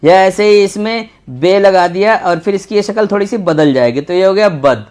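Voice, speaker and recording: A man teaching a children's Urdu lesson, patient and slow, repeating each letter as he writes. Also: high-pitched, a little mellow. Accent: Indian Urdu. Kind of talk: textbook lesson for young children.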